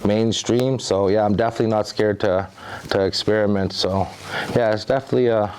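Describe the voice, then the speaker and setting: A rapper from the Bahamas, appearing as a guest, chats casually about his music in a loose, laid-back manner, often saying "you know." His voice is lowish and darkish, brisk, with fairly even intonation over slight background noise.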